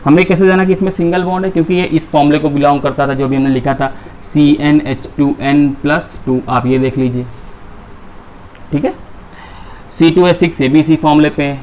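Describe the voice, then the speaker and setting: A man's voice: a little high, fairly even intonation, normal speed, a little mellow, slight background noise. A man teaching a chemistry class, who keeps asking his students questions and then answering them himself. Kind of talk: classroom lecture.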